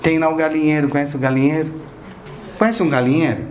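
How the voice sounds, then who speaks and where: Speaking quickly with a slightly high, somewhat mellow voice and fairly even intonation, a man lectures on spiritual matters at a spiritist association's hall. He keeps it conversational and questions his audience, with a little hiss or hum in the recording.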